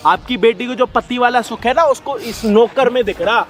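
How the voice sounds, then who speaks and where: Sneery accuser guy, high voice, sarcastic digs, man acting. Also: moderate pace. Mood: taunting. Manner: taunting, sarcastic.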